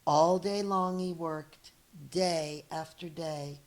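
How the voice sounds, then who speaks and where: A middle-aged elementary school teacher reads a story from a picture book to children in a slightly low voice with a steady tone. She goes very slowly and deliberately, telling it expressively with small chatty asides.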